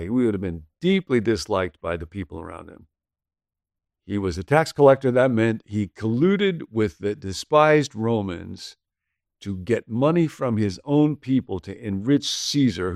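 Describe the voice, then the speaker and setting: A man gives a sermon-style lesson in a conversational, explanatory way, reading scripture and adding casual asides. His voice sits low with a gravelly edge. The sound is dry and close. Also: darkish tone, no echo. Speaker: pastor. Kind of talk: sermon-style video teaching.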